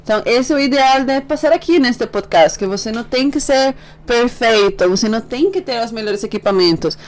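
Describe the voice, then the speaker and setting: A woman hosting a podcast, speaking in an encouraging, steady way. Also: fairly high pitch, fairly quick. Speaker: podcast host.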